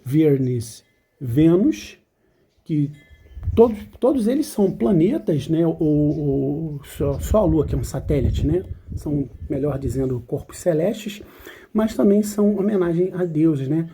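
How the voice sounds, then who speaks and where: A man's voice: fairly high pitch, lively intonation, unhurried, mellow, a little hiss or hum. A man teaching a language lesson in a chatty, informal way, often checking in with his listeners and making self-deprecating asides. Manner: chatty and informal, with frequent tag questions. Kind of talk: explaining song lyrics in a language lesson.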